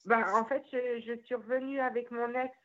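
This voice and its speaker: A woman's voice: on the high side, level tone, normal speed, muffled recording, slight background noise. A woman calling in over a landline phone, talking hesitantly and stumbling over her words. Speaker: caller. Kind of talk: call-in chat with a psychic.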